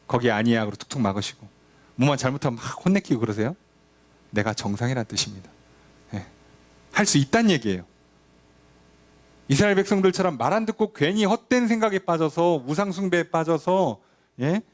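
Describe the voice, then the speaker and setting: Male pastor, higher-pitched voice, very animated, chatty Bible study delivery. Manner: lively, acts out quoted voices, conversational with congregation. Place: church.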